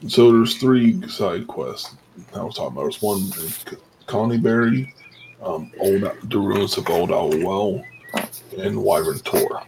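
Male game master, low nasal congested voice, creaky, hesitant casual narration, noisy recording. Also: a little slow. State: congested from pollen allergy.

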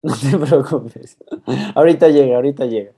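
A man hosts the interview with a mellow, dark voice in a middle register. He poses questions easily and reassures his guest in a supportive, relaxed way. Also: medium pitch, a little fast, slightly rough.

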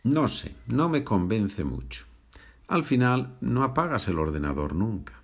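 A man teaching in a podcast lesson from home, speaking slowly and repeating each phrase, then switching to English to explain it. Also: lowish voice, sing-song, husky. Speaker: language teacher.

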